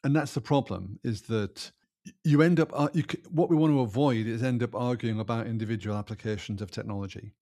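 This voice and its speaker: A podcast co-host speaks in a medium-pitched, warm voice at a slightly quick pace. He states his opinion firmly and emphatically in casual conversation, restarting sentences and dropping in asides.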